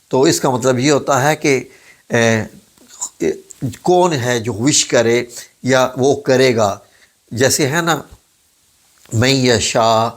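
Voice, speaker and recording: A man teaching Quranic Arabic vocabulary in a relaxed, informal lesson. He spells words out letter by letter, pauses often, and slips English words into his explanations. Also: medium pitch. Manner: modest and relaxed, many pauses and fillers.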